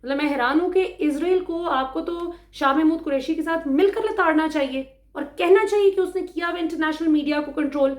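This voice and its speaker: A woman's voice: sits high, few pauses, echoey room. A woman from Pakistan giving emphatic, indignant political commentary to her viewers, often switching into English phrases.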